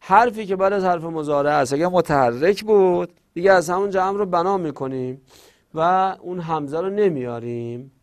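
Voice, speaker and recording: A man teaching a grammar class, explaining step by step and repeating each example aloud. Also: sits high.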